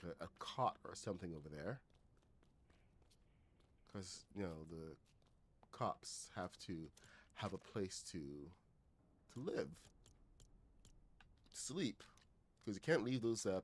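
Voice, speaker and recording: A middle-aged man from Barbados chatting casually and rambling with many fillers while he streams a building game. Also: deep voice. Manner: rambling, filler-heavy, greets chat loudly. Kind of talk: casual gaming livestream chat.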